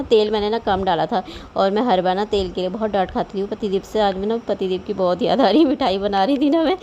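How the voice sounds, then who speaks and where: Chatty woman with a mellow voice. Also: mid-range voice, slight background noise. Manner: chatty, rambling, homely storytelling. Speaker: vlogger. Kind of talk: casual voice-over cooking vlog.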